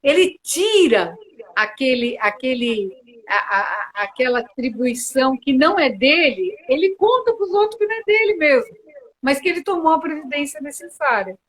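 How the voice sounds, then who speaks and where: A woman's voice: high-pitched, very animated, moderate pace, a bit bright, low-quality recording. A Brazilian woman mediator answering interview questions earnestly, often restarting with hesitant fillers, on a video call. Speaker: mediator and guest.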